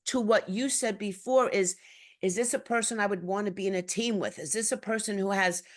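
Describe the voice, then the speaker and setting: A woman's voice: medium pitch, brisk. Woman host, casual chat, rambling and chatty, mid-range voice. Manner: rambling and chatty, with laughs and frequent restarts. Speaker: podcast host.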